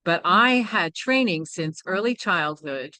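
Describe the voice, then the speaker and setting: This workshop presenter speaks slowly and expressively, her low voice pushed and bright, with no reverb in the recording. She reflects candidly in a personal teaching style, often asking "right?" or adding "you know" to keep her audience with her.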